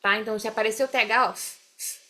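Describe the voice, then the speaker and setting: A woman teaching English, explaining phrases slowly and having students repeat them. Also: a little high, steady tone, pushed and bright. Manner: drills phrases slowly, mixes English lines into Portuguese explanation. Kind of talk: classroom explanation.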